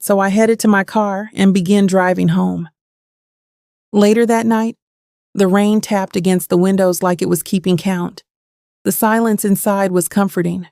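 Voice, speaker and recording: Recorded close and dry with no room sound, a natural, darkish, middle-pitched voice with gravelly fry belongs to an actress playing a haunted woman in her thirties. Narrator and lead of an audio drama, she recounts her old wounds in first-person scripted narration, bitter and brooding in the style of an audio thriller.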